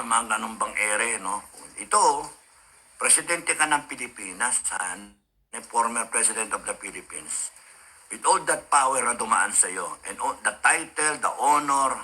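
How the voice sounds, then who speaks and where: Heated rambling man, very bright voice. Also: on the low side, breathy edge. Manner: heated, swearing, rambling with many fillers. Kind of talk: ranting monologue.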